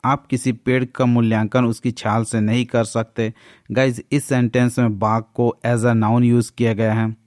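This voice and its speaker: A man with an Indian accent reads through an English vocabulary lesson at a slow, deliberate pace. His voice stays level and monotone, with little rise or fall. The sound is dry and close to the mic, with no room echo. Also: mid-range voice. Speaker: English teacher.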